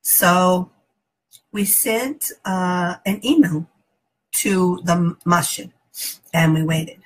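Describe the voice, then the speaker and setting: Slow, husky-voiced woman telling her story. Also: on the low side, fairly even intonation, poor audio. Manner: earnest, emotional, hesitant storytelling. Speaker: teacher. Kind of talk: personal testimony.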